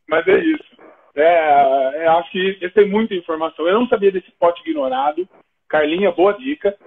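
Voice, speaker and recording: A man's voice: sits high, a little slow, vocal fry, pauses often, husky. A man with a Brazilian Portuguese accent, hosting a live talk and telling stories in a casual chat. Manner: animated, acts out dialogue in his stories. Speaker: host of a live talk show. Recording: tinny phone-like line.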